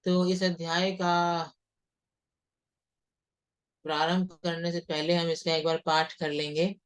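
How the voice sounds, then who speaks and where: A scripture teacher who chants Sanskrit verses in a slow, measured devotional style and briefly explains the chapter between verses. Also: mid-range voice, flat delivery, smooth, poor audio. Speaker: scripture teacher leading recitation.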